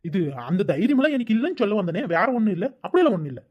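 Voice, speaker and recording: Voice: mid-range voice, big pitch swings, rapid-fire, a little mellow, a little hiss or hum, close to an everyday voice. A voice actor playing a moody, lovesick young man in a cartoon, speaking in a sullen, snapping manner. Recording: dull lo-fi recording.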